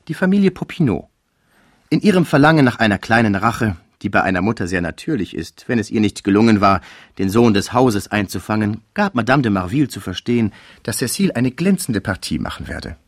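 A man narrates a classic novel with a lower voice and a very animated, rising and falling delivery. The recording is close and completely dry, with no room around him. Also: no room sound. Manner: measured, expressive literary reading. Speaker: audiobook narrator.

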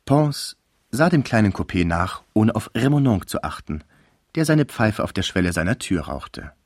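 A man reading a classic novel aloud in a measured, expressive narration. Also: lowish voice, no room sound, clean studio sound. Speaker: audiobook narrator.

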